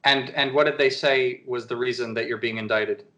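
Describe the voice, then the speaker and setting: A man's voice: mid-range voice, steady tone, moderate pace, a bit bright. A man working as an interviewer, asking casual questions and rephrasing them as he goes.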